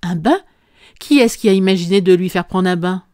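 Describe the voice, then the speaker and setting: A woman reading an audiobook voices a stern aristocratic mother who speaks in a measured, reproachful way. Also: fairly low pitch, mellow, no echo, studio quality, natural voice.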